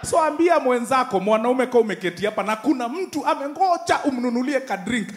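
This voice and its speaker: A Kenyan man in his thirties works a large comedy stage with a handheld mic. His voice sits very high, and he is animated, shouting his punchlines and mimicking other people. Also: fast. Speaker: stand-up comedian. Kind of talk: stand-up comedy in mixed Swahili and English.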